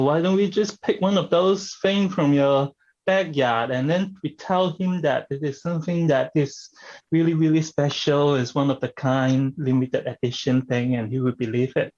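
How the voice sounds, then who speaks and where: A man performing improvised comedy scenes, speaking haltingly as he searches for his words. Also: medium pitch, a little mellow, muffled recording.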